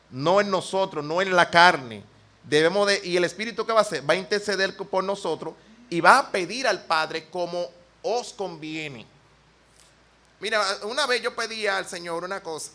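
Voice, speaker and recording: Bright, high-voiced Dominican preacher. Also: male voice. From Dominican Republic. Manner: folksy, earnest preaching with personal anecdotes. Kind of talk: sermon. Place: church.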